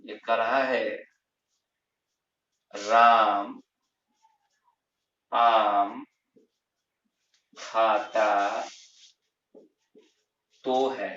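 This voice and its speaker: A man teaching English grammar in a lesson, slow and emphatic, repeating key terms and answering his own questions. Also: fairly low pitch, fairly even intonation, bright, forceful tone. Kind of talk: classroom lesson explaining grammar. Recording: roomy, distant, dull lo-fi sound.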